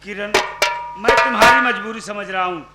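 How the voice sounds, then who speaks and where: A man's voice: high-pitched, moderate pace, natural voice. A man playing a devoted young lover in a folk stage play, talking in a soothing, consoling way. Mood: comforting. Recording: roomy stage sound with loud music.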